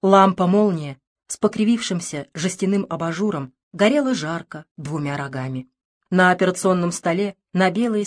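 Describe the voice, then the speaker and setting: A woman narrating a literary audiobook with expressive, tense storytelling. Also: lowish voice. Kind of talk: dramatic literary reading.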